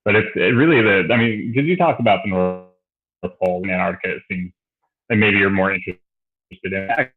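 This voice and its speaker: A man's voice: deep voice, a little fast. A man talking casually on a call whose audio is breaking up and sounds robotic, rambling with many restarts. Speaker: guest planning a polar expedition. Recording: tinny phone or computer call line.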